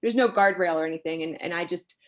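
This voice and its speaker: A middle-aged American woman with a lowish voice appears as an expert guest, a sociologist and author. She explains her work conversationally, in a thoughtful, halting and reflective way.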